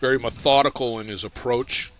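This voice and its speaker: Bright-voiced male play-by-play commentator. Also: mid-range voice, a little fast. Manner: calm, building to excited calls. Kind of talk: live sports commentary.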